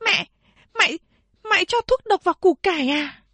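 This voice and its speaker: A woman voicing a frightened young peasant girl asking anxious, begging questions in a high voice. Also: animated, normal speed, bright, forceful tone, dry recording, full character voice.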